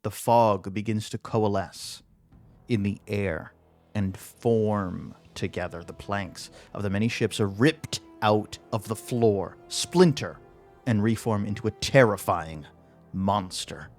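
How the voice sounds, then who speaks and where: A man narrating a tabletop fantasy game as game master, telling it with suspense and deliberate pauses. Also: lowish voice, a little mellow, soft background music.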